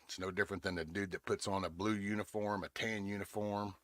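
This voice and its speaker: A man's voice: fairly low pitch, fairly even intonation, brisk, no echo, studio quality. A man hosting a podcast in casual chat, rambling with stammered restarts and acting out what others said. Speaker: podcast host. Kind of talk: casual talk-show chat.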